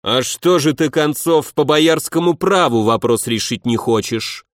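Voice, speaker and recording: A man's voice: fairly high pitch, unhurried, no echo, studio quality, natural voice. Guy voicing a confident imposing noble, challenging, self-assured.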